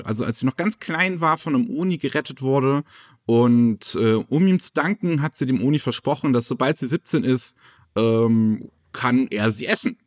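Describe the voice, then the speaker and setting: A man hosting a casual podcast, presenting anime news in a relaxed, chatty way with plenty of fillers. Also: on the high side, no room sound, studio quality. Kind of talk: casual chat.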